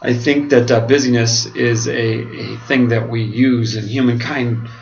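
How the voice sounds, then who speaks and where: An American man speaking earnestly and haltingly in a reflective monologue, his mouth swollen after oral surgery as if numb from the dentist. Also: medium pitch, steady tone. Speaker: pastor and seminary student. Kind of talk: reflective monologue to camera, answering questions. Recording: dull lo-fi home video, clearly noisy.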